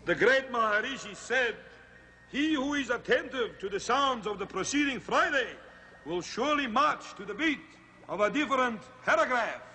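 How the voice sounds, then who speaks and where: A very high, piercing voice for a simple-minded servant henchman in a children's comedy sketch. He is servile and earnest. The vintage TV sound carries faint noise. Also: animated, moderate pace, sharp tone, exaggerated voice, poor audio. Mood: earnest, dim. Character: dim-witted, obedient servant henchman to a count.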